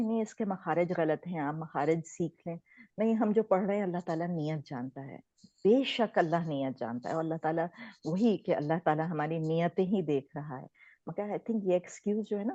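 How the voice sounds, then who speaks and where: A Quran recitation teacher from Pakistan gives an informal online lesson, explaining things conversationally and slipping English words in. Her voice is lowish and mellow with no room sound, though the recording is dull and lo-fi.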